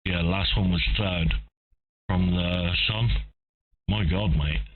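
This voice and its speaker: A man's voice: deep voice, slow pace. A man, a ham radio operator chatting casually on air in a jokey, rambling way. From England. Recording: narrow radio-band audio, faint hiss.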